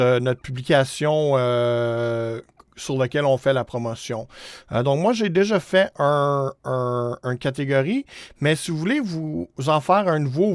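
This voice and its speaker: On the high side, his voice comes through a dry, studio-quality recording. He's a man in his thirties from Canada with a Quebec French accent, casually hosting a screen-share music promotion tutorial, hesitating often and slipping in English words.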